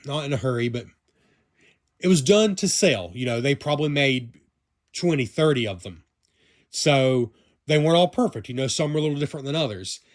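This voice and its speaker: A man's voice: medium pitch, lively intonation, a little fast, long pauses. A man from the American South with a Southern accent, casually reviewing a vinyl toy in a rambling, chatty way full of fillers and self-corrections. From Southern United States. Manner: talks to himself while handling the toy.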